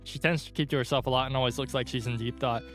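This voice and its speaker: A young man reads the lines of a friendly, earnest schoolgirl in a visual novel, staying close to his everyday voice. His medium-pitched delivery is steady in tone but racing, over faint, soft guitar music.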